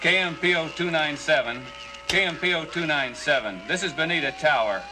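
An actor playing a control tower operator, calling a plane over a radio with calm, formal call procedure. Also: male voice, fairly high pitch, fairly quick. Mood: formal, steady. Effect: heard over a radio. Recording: loud noisy old TV soundtrack.

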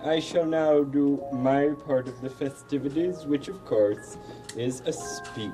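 A man voicing a pompous puppet king for children's television, formal and self-satisfied, speaking in a stately, booming royal manner. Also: measured pace, warm tone, distant mic, soft background music, lightly acted, rough recording. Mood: pompous, proclaiming.

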